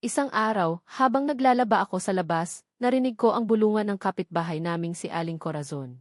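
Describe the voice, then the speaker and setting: Woman narrator, first-person drama storytelling, mid pitch, very dry close sound. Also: a little fast, dry recording. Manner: earnest, emotional storytelling.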